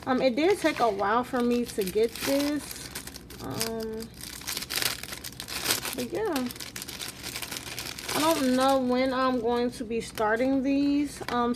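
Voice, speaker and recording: A woman with a fairly high voice hosts a casual vlog at an unhurried, slow pace. Her words are shaped a little oddly by newly fitted braces as she chats and counts along. There is faint noise in the background. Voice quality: slightly altered articulation from new braces. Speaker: vlog host. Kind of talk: casual chat while counting cash and cards.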